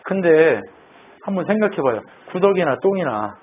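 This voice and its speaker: A man's voice: on the high side, big pitch swings, moderate pace. A male pastor preaching in a chatty, teasing way, often putting questions to his congregation. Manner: conversational, quizzes the congregation, teasing and playful. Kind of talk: sermon. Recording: tinny phone-like band, faint noise.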